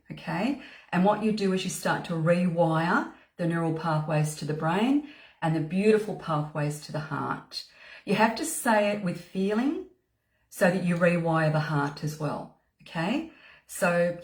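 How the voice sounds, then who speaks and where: Earnest lady mentor, lowish voice, talks in an echoey room, repeats stuff for emphasis. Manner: earnest, repeats words for emphasis, many "you know" and "okay". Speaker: spiritual mentor and psychic medium. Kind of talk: motivational talk to camera.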